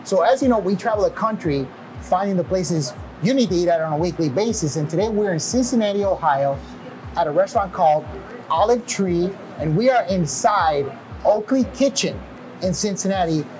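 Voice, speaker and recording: A man in his forties hosting a restaurant show in a small kitchen, talking in a casual, energetic way. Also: high-pitched, moderate pace, a little hiss or hum, low-quality recording. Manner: casual and energetic, with short affirmations. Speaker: show host. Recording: background music.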